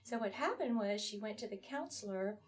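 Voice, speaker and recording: A woman's voice: mid-range voice, lively intonation, brisk. A woman author as a talk-show guest, earnestly recounting a children's story. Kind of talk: interview storytelling.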